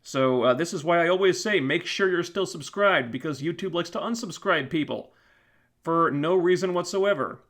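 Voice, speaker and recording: Thanking his viewers at the end of a casual live stream, a YouTube host rambles, stumbling over fillers and restarting often as his voice gives out. He speaks at a moderate pace, with a fairly high, somewhat bright voice.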